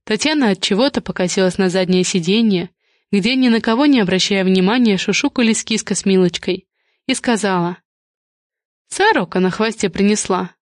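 A woman narrating an audiobook in a steady, even storytelling manner. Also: mid-range voice, a little fast, no echo, studio quality. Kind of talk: scripted narration.

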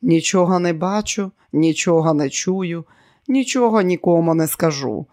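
A man's voice: a little high, moderate pace, darkish tone, no echo, clean studio sound, natural voice. A man doing a smug, domineering schemer. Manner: boastful and commanding. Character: arrogant scheming man, quick to rage.

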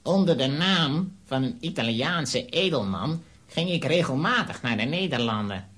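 In a children's audio drama, a male actor plays a sinister, boastful sorcerer villain, delivering measured, menacing pronouncements. His voice is mid-range, bright, and forceful.

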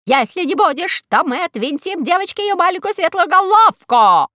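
A woman voicing a small, bloodthirsty male generalissimo who makes shrill, boastful threats. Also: very animated, normal speed, sharp tone, no room sound, clean studio sound, full character voice. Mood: gloating. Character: squeaky bloodthirsty little male generalissimo tyrant.

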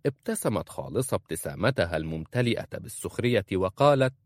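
Deep-voiced man narrating a story. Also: very animated, fast, no echo, clean studio sound. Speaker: audiobook narrator.

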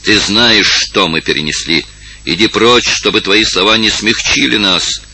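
A man reading aloud and voicing a vengeful male rebel villager who shouts defiantly. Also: fairly low pitch, measured pace, creaky, slightly rough, exaggerated voice, poor audio. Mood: furious.

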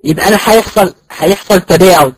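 A man's voice: high voice, fast, husky, dry recording, rough recording. A man with an Egyptian accent giving a recorded lecture on Quran recitation. He explains step by step, asks and answers his own questions, and sounds out letters as examples.

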